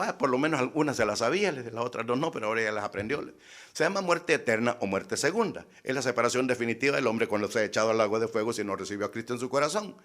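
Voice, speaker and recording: A man's voice: mid-range voice, a bit bright. A man preaching, telling a story and acting out both sides of a conversation with teasing emphasis. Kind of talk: sermon.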